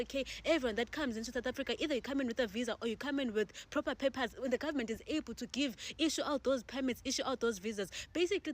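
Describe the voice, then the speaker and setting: A woman vlogging in a chatty way, slipping in Zulu words and firing off rhetorical questions. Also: a little high. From Zimbabwe. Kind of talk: casual vlog commentary.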